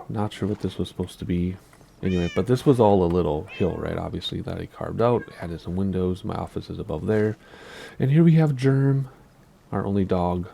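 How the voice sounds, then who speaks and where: Gravelly low-voiced Minnesotan man. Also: mellow, a little hiss or hum. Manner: rambling, asks himself questions aloud. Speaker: Minecraft YouTuber giving a base tour. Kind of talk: casual gameplay commentary.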